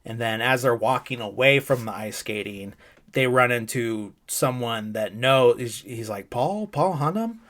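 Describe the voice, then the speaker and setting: A man's voice: medium pitch, fairly even intonation, unhurried, a bit bright. A man hosting a podcast, casually recapping a film in a rambling way, full of filler words. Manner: rambling, heavy use of fillers. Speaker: podcast host.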